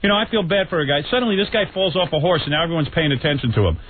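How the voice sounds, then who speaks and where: A man hosting a radio show with casual comic banter and rants, blunt, sardonic and quick to interrupt. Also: a little high, expressive. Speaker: radio host and disc jockey. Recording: tinny, band-limited radio sound.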